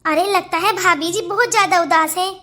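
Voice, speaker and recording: A kind young brother-in-law from a cartoon who speaks gently and keeps things secret. His voice sits very high and bright for a man. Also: brisk. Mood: secretive. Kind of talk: cartoon voice acting.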